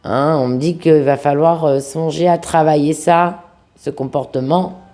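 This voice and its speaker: A woman with a sick-sounding voice giving an informal tarot reading to viewers, speaking familiarly and affectionately, with halting pauses. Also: low voice, fairly even intonation, dark tone. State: sick-sounding voice, under the weather. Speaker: tarot reader, host of a video channel.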